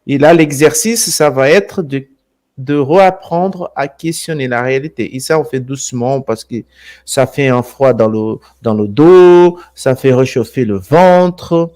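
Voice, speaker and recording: A man from Brazil with a Brazilian Portuguese accent, hosting a live stream in a gentle, unhurried, affectionate way and often repeating his words. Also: mid-range voice. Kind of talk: casual live stream talk.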